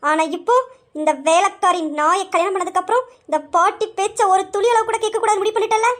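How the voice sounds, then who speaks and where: A woman's voice: very high-pitched, quick pace, fairly bright tone. A woman voicing a spiteful, domineering old grandmother in an audio drama, scornful and commanding. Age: older. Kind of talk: amateur Tamil audio drama.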